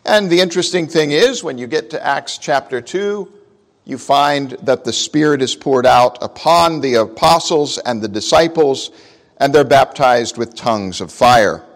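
A man preaching a sermon and leading prayer at a pulpit microphone, speaking in an unhurried, conversational way with frequent fillers. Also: medium pitch. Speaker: pastor. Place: church sanctuary. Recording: long church reverb.

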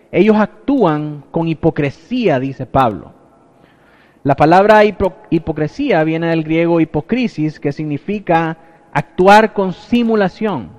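High-voiced man preaching a sermon. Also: darkish tone. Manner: earnest teaching tone, addresses listeners as brothers. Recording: dull lo-fi recording.

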